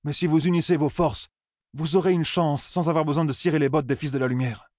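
A man reading an audiobook, voicing an earnest, forceful young village man who urges others with pleading, husky speech. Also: a little high, steady tone, brisk, dry recording, studio quality, voice pushed up, lightly acted. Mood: urging. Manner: pleading, urgent persuasion.

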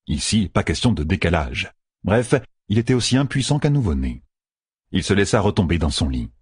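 A man reading an audiobook in steady, even scripted narration. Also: sits low, normal speed, slightly rough, no echo, clean studio sound.

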